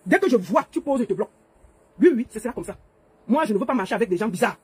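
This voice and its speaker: A woman's voice: a little high, expressive, fast, a little mellow, slightly rough. A woman giving an emphatic, repetitive political monologue to viewers. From Cameroon. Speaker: political commentator. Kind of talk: monologue to camera.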